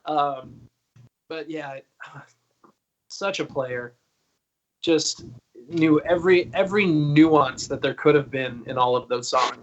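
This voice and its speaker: A man's voice: a little high, slow, long pauses, lo-fi sound, slight background noise. Laid-back swearing man in his thirties. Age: 30s. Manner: rambling and laid-back, swears freely, laughs often. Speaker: guest singer. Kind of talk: casual interview chat.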